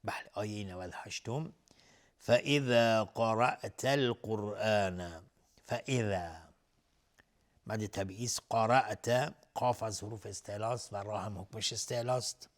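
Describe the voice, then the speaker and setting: A man teaching the rules of Quran recitation. He chants each verse slowly and melodically, then explains the rules in quick, plain speech. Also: fairly low pitch, fairly even intonation.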